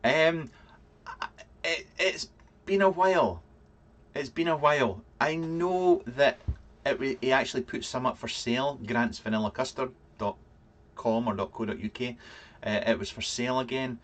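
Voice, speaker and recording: A man's voice: medium pitch, steady tone, moderate pace, fairly bright tone. A man in his thirties with a Fife Scottish accent, hosting a casual livestream vlog, rambling and dryly joking as he answers chat comments. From Fife, Scotland. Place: small cluttered home room, indoors.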